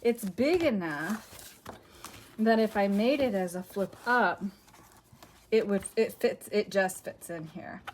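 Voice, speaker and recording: A woman's voice: mid-range voice, animated, slow pace, pauses often, slight background noise. A woman hosting a crafting channel, chatting casually while out of breath, scattered and apologetic as she thinks aloud. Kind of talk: casual chat.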